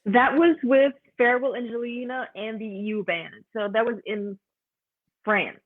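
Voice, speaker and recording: Heard over a tinny, phone-like connection, a young musician from Switzerland makes chatty interview conversation in a Swiss German accent and laughs a lot. She speaks at a normal pace in a rather high, steady voice.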